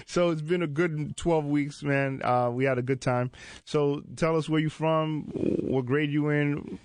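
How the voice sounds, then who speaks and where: A man's voice: fairly high pitch, slow, dry recording. A man hosting a casual interview with his students as their youth mentor. He talks in an easygoing, encouraging way and often calls them "man" and "brother.". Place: indoor recording space at a sports arena.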